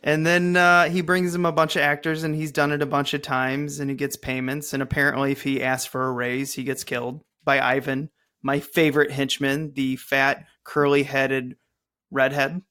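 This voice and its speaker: A man's voice: mid-range voice, little pitch movement, normal speed, bright, forceful tone, smooth. A man hosting a podcast, reviewing a movie in casual, jokey, rambling chat. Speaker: podcast host.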